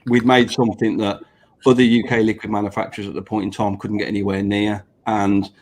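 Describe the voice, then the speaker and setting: A man's voice: fairly low pitch, little pitch movement, fairly quick, a little hiss or hum. A man with dental braces slightly affecting his speech, chatting earnestly and swearing freely as he repeats points for emphasis. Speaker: business owner, podcast guest. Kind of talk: casual panel chat.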